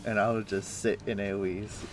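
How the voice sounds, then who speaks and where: With a fairly low pitch and a flat delivery at normal speed, a young man chats casually while streaming a game from home. His talk is full of fillers and restarts, and music sits in the background.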